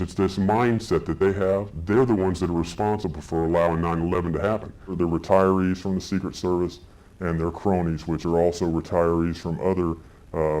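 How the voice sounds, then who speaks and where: A man whose voice has been electronically disguised, pushed far down into a very deep, artificial register. He speaks bluntly and critically as an anonymous source in a news report, stopping and restarting with fillers now and then. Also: dark tone. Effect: electronically disguised, pitched-down deep voice. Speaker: anonymous federal agent source. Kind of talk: interview clips in a news report.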